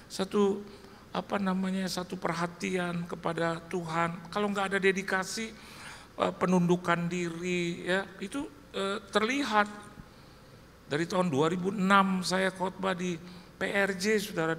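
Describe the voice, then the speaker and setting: A man's voice: a little high, gravelly, a bit bright, a little hiss or hum. A middle-aged male guest pastor giving a humorous, storytelling sermon to his congregation. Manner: storytelling, joking, addresses listeners as Saudara. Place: large church auditorium. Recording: echoey hall with faint ambience.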